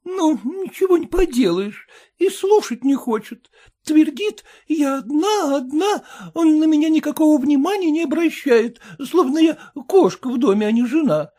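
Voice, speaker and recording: A woman's voice: high voice, expressive, normal speed, warm tone, voice pushed up. Woman doing a resigned, kindly old mother. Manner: helpless, soothing. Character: kindly plump older mother-in-law, resigned.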